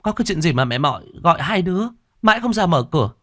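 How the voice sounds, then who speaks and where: A man voicing a frantic middle-aged mother in a ghost story, shrill, pleading and scolding. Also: very animated, quick pace, a bit bright. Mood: demanding. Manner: shrill, pleading, then cursing. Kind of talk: storybook character voice.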